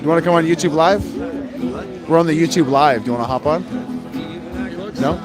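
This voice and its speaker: A man's voice: a little high, a little fast. A man hosting a casual livestream at an outdoor street protest, chatting with people and inviting strangers on. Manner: chatty, friendly, approaches strangers. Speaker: livestream host. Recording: crowd and music behind.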